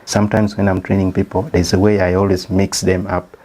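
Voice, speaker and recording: The speaker is a Ugandan statistician with a low, mellow voice, presenting briskly and with a flat delivery. English isn't his native language and carries a Ugandan accent as he methodically takes viewers through a slideshow lesson on his channel.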